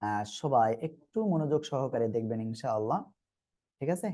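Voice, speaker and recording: A man's voice: mid-range voice, normal speed, warm tone. Patient male Quran teacher, step by step. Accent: Bangladeshi Bengali. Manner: patient, repeats and checks understanding. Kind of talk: online Quran reading lesson.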